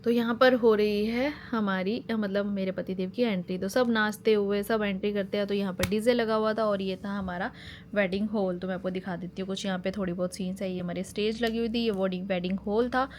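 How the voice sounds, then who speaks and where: A woman's voice: medium pitch, fairly even intonation, a little fast, darkish tone, a little hiss or hum. A woman, chatting animatedly as she shows her wedding album in a family vlog. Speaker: family vlogger. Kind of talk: casual chat while showing wedding album.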